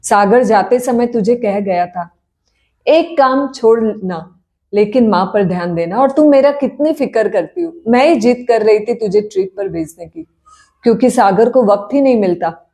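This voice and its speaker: A woman voicing a frail, loving elderly mother-in-law who speaks weakly and gently. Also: a little high, animated, normal speed. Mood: tender. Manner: weak, soft-spoken.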